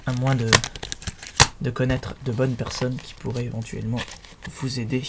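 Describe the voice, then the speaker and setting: Chatty young man with fillers. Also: mid-range voice. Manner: chatty, hesitant, many fillers and restarts. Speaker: collector showing his items. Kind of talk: casual show-and-tell vlog. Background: faint noise and clicks.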